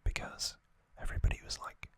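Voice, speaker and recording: An ASMR channel host, a man, whispers close to the mic as he gives a calm but brisk trivia recap. Soft ums and casual asides drift through his delivery.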